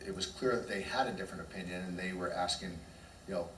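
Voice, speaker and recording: A man testifying as an expert witness in court, measured and hesitant with many fillers, in a courtroom recording. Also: low-pitched, fairly bright tone. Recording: distant echoey courtroom mic with noise.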